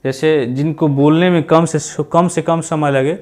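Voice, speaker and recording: A man's voice: fairly high pitch, steady tone, a little slow, darkish tone. A man teaching grammar for exam preparation, explaining step by step, repeating points and sounding out vowels as examples. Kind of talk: exam-prep lecture.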